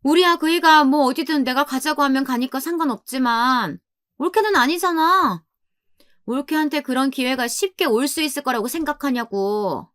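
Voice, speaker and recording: A woman voicing a condescending older sister-in-law who mocks and scolds in a raised, sharp voice. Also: sits high, moderate pace, no room sound, studio quality, voice pushed up. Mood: scornful. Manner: mocking, scolding, looks down on others.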